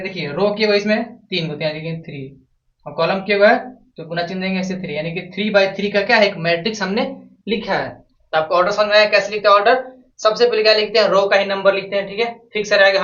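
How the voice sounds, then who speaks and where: Standing at the board, a math teacher with a high, fairly bright voice throws out questions to the class and supplies the answers himself, often repeating them. The recording is distant, echoey and dull, with a lo-fi quality.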